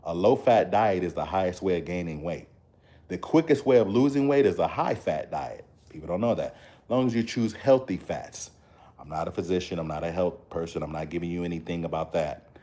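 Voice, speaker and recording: Low-voiced man, emphatic motivational vlogger, repeats himself for effect. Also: lively intonation, a little fast, warm tone. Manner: preachy, repetitive, emphatic. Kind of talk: casual motivational talk to camera.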